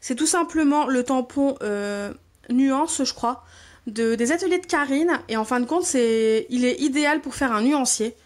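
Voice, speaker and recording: A woman's voice: sits high, animated, measured pace. A woman hosting a scrapbooking channel, chatting casually and enthusiastically as she unboxes and admires craft supplies. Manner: gushing, enthusiastic, repeats her delight.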